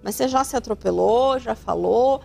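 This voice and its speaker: High-voiced animated Brazilian woman. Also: normal speed, gravelly, faint music behind. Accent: Brazilian Portuguese. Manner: animated, acts out quoted voices. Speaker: radio host giving family advice. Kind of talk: advice talk show.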